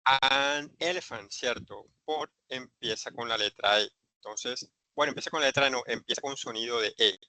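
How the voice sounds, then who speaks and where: A man's voice: medium pitch, normal speed, pushed and bright, dry recording. A man teaching an English grammar lesson, patiently repeating and spelling out examples.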